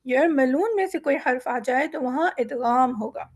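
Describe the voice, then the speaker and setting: Brief: woman teacher with a high voice, patient and methodical, stretches out example words for students to repeat. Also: a little mellow. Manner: mixes English words into her speech. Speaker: Quran reading teacher. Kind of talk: step-by-step lesson explanation.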